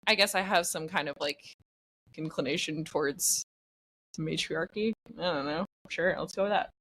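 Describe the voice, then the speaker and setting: A woman's voice: low voice, moderate pace, a bit bright, breathy edge. A woman being interviewed about her podcast acting, talking in a rambling, self-deprecating way full of "like". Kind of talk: casual interview chat.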